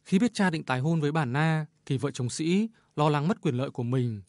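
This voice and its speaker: A man, a radio editor, reading a measured, reflective commentary on a short story. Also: a little high, darkish tone, no echo, clean studio sound. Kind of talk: scripted literary commentary.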